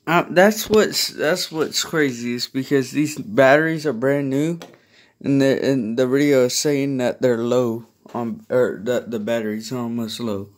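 An unhurried man with a mid-range voice shows viewers his collection as a hobbyist vlogger. His chat rambles, hesitates and frequently trails off, recorded on a phone or camera in his hand inside a small carpeted bedroom.

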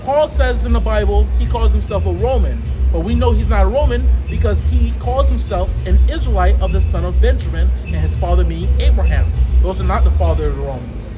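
A man's voice: high voice, brisk, hardly any pauses, rough recording. A young man debating as a street preacher at night, insistent and often cutting in to hold the floor. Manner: insistent, interrupting, keeps saying hold on. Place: outdoor shopping plaza at night. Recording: loud music playing behind.

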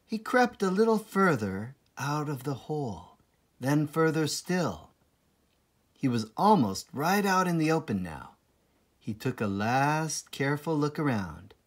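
A man narrating a children's storybook aloud in a dramatic, deliberate manner with suspenseful pauses. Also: mid-range voice, very animated. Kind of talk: expressive children's storybook reading.

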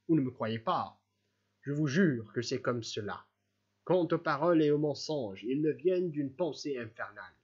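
Un fonctionnaire obséquieux et rusé qui supplie en s'abaissant, lu par un homme dans un livre audio. La voix est voilée, un peu rauque. Le son est légèrement étouffé. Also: male voice, a little high, a little mellow, slightly rough, lo-fi sound. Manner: wheedling, self-abasing pleading. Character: fawning scheming middle-aged male clerk.

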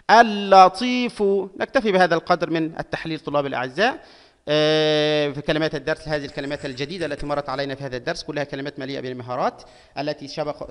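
A male schoolteacher with a slightly high voice breaks words into syllables and draws each one out slowly for children. His voice carries a long reverb, as if recorded in a hall. The delivery is patient and instructive. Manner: slow, drawn-out syllables for young pupils. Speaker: primary school Arabic teacher. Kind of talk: syllable-by-syllable reading lesson.

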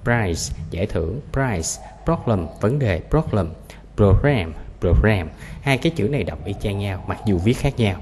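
Male English teacher, lowish voice, drills vocabulary slowly, echoey room with faint hiss. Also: animated, a little mellow. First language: Vietnamese. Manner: repeats each English word slowly and clearly, explains sounds. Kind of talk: vocabulary lesson, word by word.

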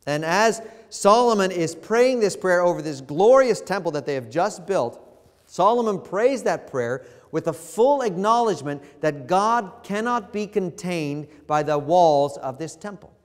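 High-voiced man preaching in a reverberant church. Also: expressive, measured pace. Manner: earnest preaching, voice rising in emphatic passages, frequent restarts. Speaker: pastor. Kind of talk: sermon. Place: church sanctuary.

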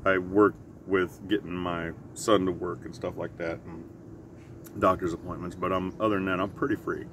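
A middle-aged man telling stories in a casual, halting ramble, easygoing and often correcting himself. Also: sits low, little pitch movement, a bit bright. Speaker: pipe vlogger. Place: outside by a house with siding. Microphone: camera a short distance in front. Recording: clear outdoor traffic or air-conditioner hum.

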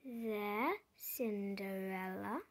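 Holding a picture book up to the camera indoors, a storybook reader with a mid-range voice reads it aloud in simple, deliberate phrases. They pause along the way to ask the listener questions.

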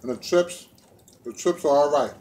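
A middle-aged man vlogs about vegan food, eating while chatting to the camera in a relaxed, playful, colloquial way. His voice sits on the high side with a darkish tone at normal speed, recorded in a small room at home on a phone or camera within arm's reach.

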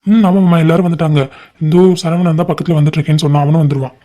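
A woman voicing a calm, reassuring middle-aged family man in a home-made cartoon. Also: low voice, rapid-fire, pitched below the performer's own voice, lightly acted.

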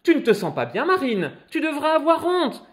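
A man's voice: sits high, huge pitch swings, moderate pace, pitched above the performer's own voice. A man voicing a strict, easily horrified fairy mother who scolds her daughter in a storybook reading. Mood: furious. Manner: scolding, indignant.

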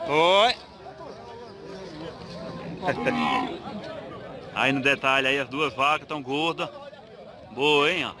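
A man filming his casual walk through a cattle fair, chatting with sellers and repeating their prices for the camera. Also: fairly high pitch. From Northeast Brazil. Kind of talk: casual on-the-spot video commentary. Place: outdoor cattle market with crowd. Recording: crowd noise outdoors.

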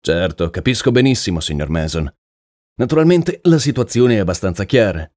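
A man voicing a shrewd, calm male detective in an audiobook, asking measured questions. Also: fairly low pitch, no echo, studio quality. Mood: probing. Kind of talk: audiobook character reading.

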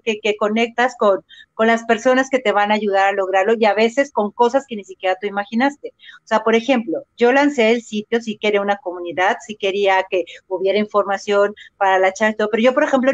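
A Mexican woman speaking Spanish as an interview guest, an animated storyteller who acts out her own reactions. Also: fairly high pitch, no echo, muffled recording. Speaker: interview guest, runner and entrepreneur. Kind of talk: casual interview over a live video call. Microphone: video call microphone.

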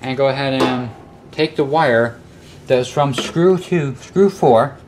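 The host of a hobby electronics how-to video takes things slowly, his mid-range voice practical and instructional as he goes step by step. Recorded on a handheld camera in a cluttered workshop or utility room, the casual narration comes with clicks and clear background noise.

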